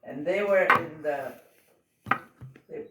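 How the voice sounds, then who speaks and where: A very old woman in her nineties from Belgium, recalling her past informally and haltingly as she searches for words. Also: low voice. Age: 90s. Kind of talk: informal oral reminiscence. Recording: roomy home recording, distant mic, faint noise.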